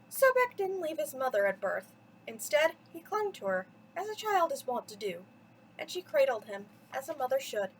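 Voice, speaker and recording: A woman with a high voice reads a mythology story to children, storyteller-style, giving it dramatic, theatrical emphasis like an expressive bedtime read-aloud. The audio is poor, with a faint hiss or hum.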